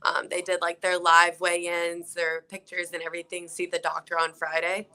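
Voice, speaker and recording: Woman, young adult, from South Carolina, smooth clear voice, casual talk. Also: on the low side, completely flat delivery, moderate pace, bright, forceful tone. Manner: chatty, upbeat, frequent "like". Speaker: fighter, guest. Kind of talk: casual interview.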